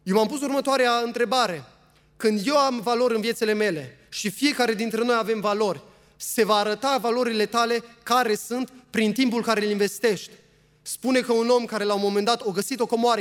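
Man, preacher, high voice, earnest sermon, rhetorical questions, reverberant church hall. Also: fairly bright tone. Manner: reads scripture aloud at length.

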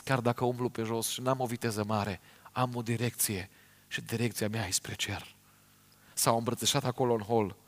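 A middle-aged man from Romania preaches a sermon with a somewhat low voice. He tells his story earnestly and speaks straight to his congregation.

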